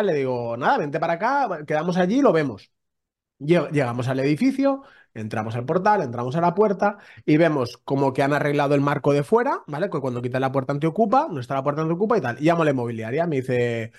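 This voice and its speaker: A man co-hosts a casual podcast and tells a long story. His pitch climbs and falls a great deal, and he acts out the dialogue as he goes. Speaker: podcast co-host.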